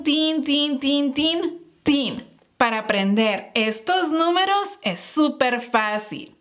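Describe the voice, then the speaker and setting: A young woman gives a pronunciation lesson, drilling each word again and again so learners can copy it. She speaks very slowly, and her high voice swings widely up and down. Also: a bit bright. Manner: slow, emphatic repetition of words for learners. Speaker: English teacher.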